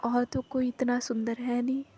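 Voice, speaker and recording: A woman's voice: on the high side, level tone, moderate pace, close to an everyday voice. Polite playful young lecturer, voiced by a woman. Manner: polite and gently teasing.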